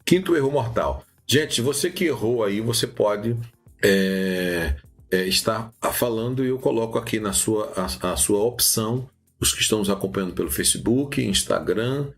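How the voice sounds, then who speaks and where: A man teaching new preachers in a live-streamed lesson, animated, with many restarts and "tá bom?" checks. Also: fairly low pitch, normal speed, husky, soft background music.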